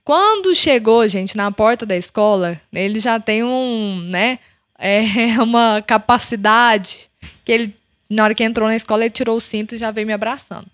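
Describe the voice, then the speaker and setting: This podcast host, a young adult woman from Brazil with a Brazilian Portuguese accent, speaks at a moderate pace in a voice on the high side. Lively as she shares a personal story, she voices its dialogue herself, recorded in clean, echo-free studio sound.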